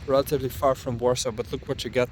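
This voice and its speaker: A young man vlogging while walking outdoors through a small town, musing aloud in a relaxed, casual way. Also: medium pitch, quick pace, slight background noise. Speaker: travel vlogger. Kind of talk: casual walking vlog narration.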